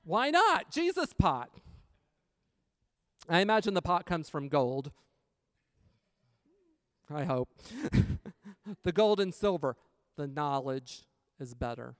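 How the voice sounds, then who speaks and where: A man sharing a personal testimony in a casual storytelling sermon, animated and acting out quoted lines. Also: medium pitch, clean tone, no room sound, studio quality.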